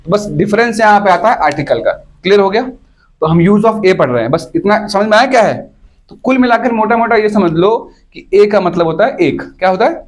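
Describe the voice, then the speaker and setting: With a high-sitting, lively voice and a brisk pace, a man teaches students English grammar step by step. He keeps stopping to check that everyone has understood and repeats his points.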